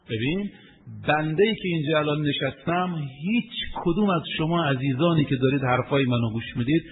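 Preacher in an echoey hall. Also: male voice, fairly high pitch. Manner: rhetorical questions, recites Arabic verses, addresses listeners fondly. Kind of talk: sermon. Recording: echoey hall over tinny phone-like line, faint hiss.

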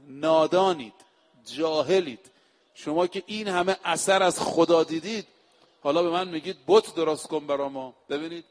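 High-voiced man preaching in an echoey hall. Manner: slow, emphatic recitation of scripture quotes; addresses the audience directly. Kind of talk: religious sermon.

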